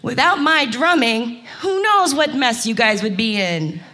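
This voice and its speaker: A woman's voice: fairly high pitch, lively intonation, a little slow, sharp tone, voice pushed up, exaggerated voice. A woman voicing a proud, self-important male woodpecker who talks haughtily. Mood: haughty.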